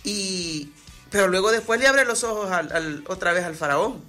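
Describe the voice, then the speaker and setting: A woman's voice: fairly low pitch, normal speed, bright, forceful tone, faint music behind. A woman pastor patiently explaining faith with everyday examples in a Bible study conversation.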